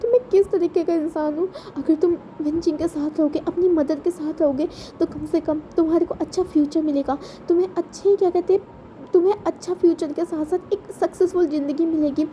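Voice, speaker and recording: A woman putting on an anguished young man, pleading and raising his pitch high with emotion, a soft darker tone, faint background hiss. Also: fairly even intonation, fairly quick. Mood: tearful, pleading.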